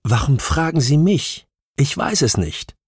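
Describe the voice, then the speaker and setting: A man's voice: mid-range voice, very animated, a little slow, husky, no room sound, voice pushed up. A man voicing a shaken young woman, a hesitant witness who falters and sometimes drops to a whisper, in an audiobook reading. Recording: dry close studio sound.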